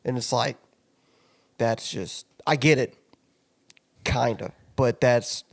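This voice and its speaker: A man's voice: mid-range voice, slow pace, vocal fry. A man co-hosting a podcast, ranting casually about sports in an exasperated, informal, sweary way. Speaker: podcast host. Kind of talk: casual opinionated sports rant.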